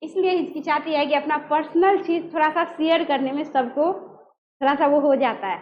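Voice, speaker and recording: Female teacher, very high voice, drilling students with rhetorical questions, dull lo-fi audio. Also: moderate pace, slight background noise. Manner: asks the class questions and answers them herself; repeats key words to drill them. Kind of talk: explaining a Hindi textbook lesson. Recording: dull lo-fi recording.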